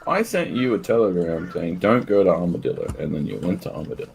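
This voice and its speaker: A man's voice: sits low, expressive, quick pace, gravelly, darkish tone, a little hiss or hum, low-quality recording. A man in an online western role-play, speaking sternly and scolding.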